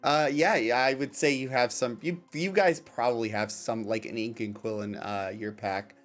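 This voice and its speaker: A man narrating a tabletop game as game master, improvising in a halting way with repeated phrases. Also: medium pitch, fairly bright tone, faint music behind.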